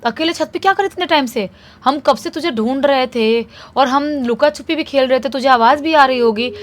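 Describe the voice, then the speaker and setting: A woman voicing an older cousin brother who loudly scolds a younger girl. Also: fairly high pitch, steady tone, fast talker, a little hiss or hum, lightly acted. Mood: scolding. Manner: loud, scolding questions.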